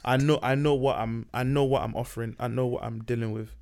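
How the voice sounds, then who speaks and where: A man's voice: medium pitch, steady tone, fast, darkish tone. A man with a London accent talking candidly and casually on a podcast, full of slang and repeated emphasis. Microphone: podcast microphone.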